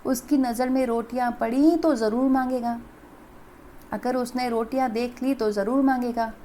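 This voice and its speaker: A woman's voice: a little high, steady tone, normal speed, warm tone, slight background noise, close to an everyday voice. A woman voicing a boy named Koko, who is fond of food and fretful about hiding his rice rotis. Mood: flustered.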